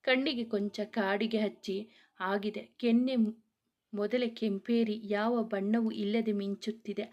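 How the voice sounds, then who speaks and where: A woman narrating a romantic story in a steady descriptive reading. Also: mid-range voice, a little slow, lo-fi sound.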